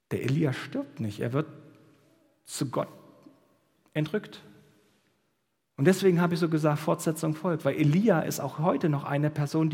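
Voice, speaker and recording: A man preaching a sermon at a church service, conversational and lively, with casual asides. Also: on the high side. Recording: reverberant church hall.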